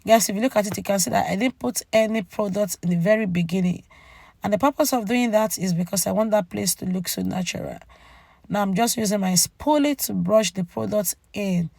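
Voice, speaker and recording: A woman with a cracking, croaky voice from a cold, chattily narrating a makeup tutorial and speaking straight to her viewers. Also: medium pitch, fairly quick, a little mellow, no room sound. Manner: chatty, addresses viewers directly with tag "okay?". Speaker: beauty channel host.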